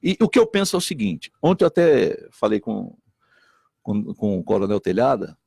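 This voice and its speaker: A middle-aged state deputy and missionary pastor from Recife, Brazil, speaks in a lowish, husky voice with vocal fry at a moderate pace. On an animated talk show he is earnest, repeats himself, and quotes others in lively voices. The sound is studio quality with no room sound.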